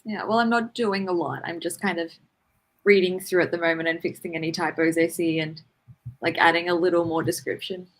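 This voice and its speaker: Relaxed young woman, easygoing chat. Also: lowish voice, a little fast. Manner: relaxed, supportive, brief replies. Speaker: co-host. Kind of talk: casual chat during writing sprint.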